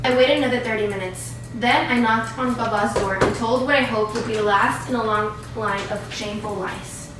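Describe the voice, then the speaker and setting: Reading as a remorseful Afghan narrator remembering his boyhood, a female student performer gives a lightly acted readers' theatre performance. Her fairly high voice holds a moderate pace with hardly any pauses, reflective and remorseful in tone, in an echoey room with faint noise.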